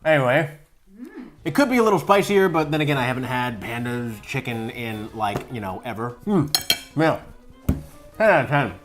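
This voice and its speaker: A man's voice: medium pitch, lively intonation, normal speed. A man hosting a casual cooking tutorial in an offhand, self-deprecating, rambling way with trailing asides. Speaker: cooking show host.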